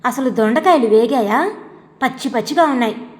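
A harsh young husband snaps and sneers at his wife in an audio storybook, voiced by a woman. The voice stays high and rises louder in its jabs. A long reverb trails each line. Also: expressive, moderate pace, close to an everyday voice. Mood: angry scolding. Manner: sarcastic, angry, loud.

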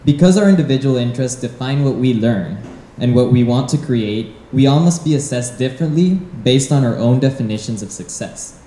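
A man's voice: medium pitch, animated, fairly quick, warm tone, slight background noise. A young man, a student presenter, reading prepared remarks from his phone into a handheld mic at an event. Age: young adult. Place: dim event hall. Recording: roomy hall echo.

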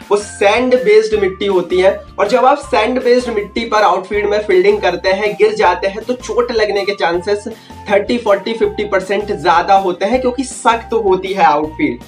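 A young man sits indoors and talks straight to the camera, hosting a cricket news vlog with lots of energy and busy hand gestures. His voice sits notably high for a man. Quiet background music runs under his talk. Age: young adult. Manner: energetic, addresses viewers as friends, gestures with hands. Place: indoor room, seated before a wooden wall.

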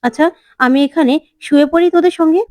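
A woman's voice: high-pitched, quick pace, darkish tone, dry recording, pitched above the performer's own voice, natural voice. A woman reading the lines of a scheming young woman who fakes illness, in a whiny tone.

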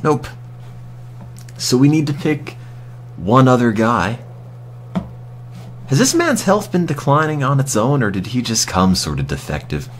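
A man's voice: medium pitch, very animated, unhurried, pauses often, slight background noise. A man giving casual, dry and sarcastic commentary while streaming a video game.

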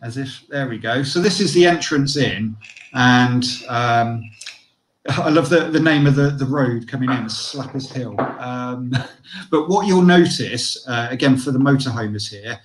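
A man's voice: medium pitch, unhurried, reverberant, a crowd in the background. A man reviewing a caravan site in a casual online show, chatty, with lots of fillers and restarts.

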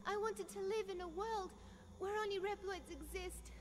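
An actress voicing a gentle young female android in a dubbed game cutscene, pleading softly and wistfully. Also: very high-pitched, moderate pace, a little hiss or hum.

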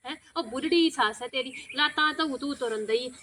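A woman's voice: high voice, normal speed, pushed and bright, a little hiss or hum. A woman with a Punjabi accent acting in a village short film, lecturing and reasoning with a friend in a scolding way.

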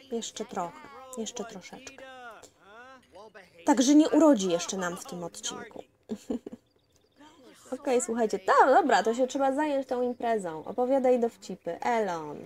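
A woman's voice: on the high side, a little mellow. A young woman giving casual let's-play commentary, chatting to her game characters and turning to address her viewers. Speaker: gameplay commentator.

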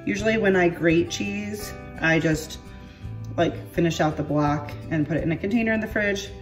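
Cooking dinner at home, moving between kitchen and outdoor patio, a congested woman in her thirties keeps up a chatty, self-deprecating narration full of fillers and small apologies. She speaks at normal speed in a slightly low voice, distant from the mic, with soft music underneath.

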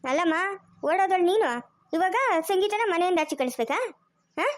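A woman's voice: very high voice, expressive, normal speed, no room sound, studio quality. A woman, playing a furious wife who scolds and insults in an amateur family drama. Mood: scolding.

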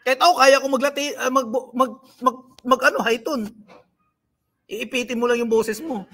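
A man's voice: very high-pitched, steady tone, normal speed, a bit bright. A man hosting a livestream, mocking and scolding the people he talks about in a rant. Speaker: livestream host. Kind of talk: live-stream commentary.

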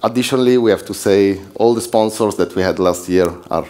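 Warm and brisk, the man's voice sits on the low side. Presenting in a conference hall as a co-organizer of a developer conference, this Italian-accented speaker from southern Switzerland uses non-native English marked by slips, restarts and laughter.

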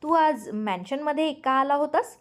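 A quick-tempered young man in a storybook reading, suspicious and easily riled, put on by a woman narrator. His lines rise above her usual pitch and come out louder. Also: animated. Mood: agitated. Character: exasperated young man, teasing Ranjit.

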